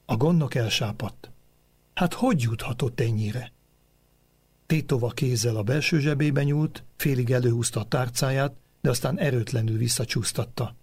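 A man reading a literary memoir aloud in a measured storytelling manner, lightly voicing the dialogue. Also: medium pitch, darkish tone, husky.

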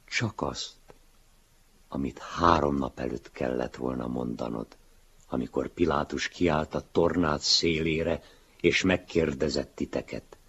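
A man voicing a gentle, soft-spoken master. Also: very deep voice, lively intonation, husky, exaggerated voice. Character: gentle, calm male teacher figure, a mild master. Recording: dull lo-fi recording.

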